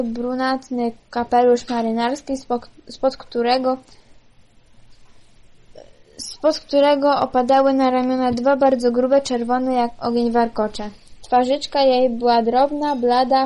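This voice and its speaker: A woman with a fairly high voice reads a children's fairy tale aloud. She takes her time, now and then tripping over a word and starting it again. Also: dark tone. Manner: unhurried, with small stumbles and self-corrections. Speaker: storyteller.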